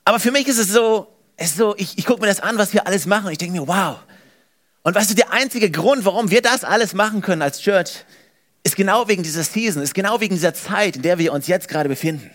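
A man preaching a sermon at a church service, emphatic and animated, with many repeated phrases. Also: sits high, quick pace. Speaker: pastor.

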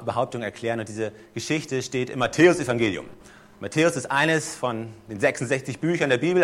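A man's voice: medium pitch, fairly bright tone. A man preaching a sermon to a live congregation. He tells the story casually and keeps checking in with his listeners. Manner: conversational storytelling, checks in with the audience.

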